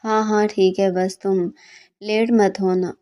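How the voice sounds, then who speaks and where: A fiery young female student, put on by a woman narrator nags and scolds with impatience in a storybook reading. The voice is soft and mellow despite the temper. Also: medium pitch, level tone, slow, lightly acted. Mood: impatient.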